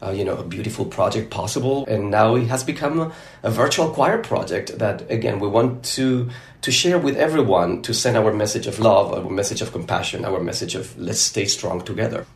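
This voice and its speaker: A man with a fairly low voice in an echoey room. He makes an informal spoken announcement. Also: brisk.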